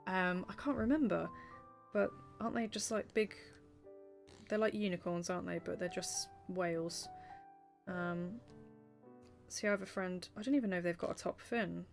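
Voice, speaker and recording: A woman's voice: on the low side, normal speed, vocal fry, soft background music. A woman streamer chatting casually while she draws, reading out chat messages, with lots of ums and small laughs.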